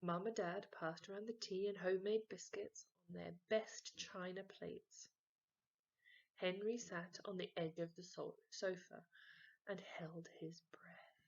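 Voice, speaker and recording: A woman reading a children's story aloud slowly and gently. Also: fairly low pitch, fairly even intonation, vocal fry, dull audio. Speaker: storybook reader.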